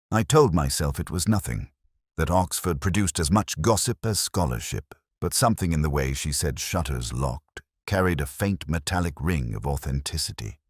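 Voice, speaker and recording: A first-person literary mystery is read by a man whose voice is extremely deep. He speaks in a slow, brooding, inward way, like someone thinking to himself. There's no room sound at all; the recording is very dry.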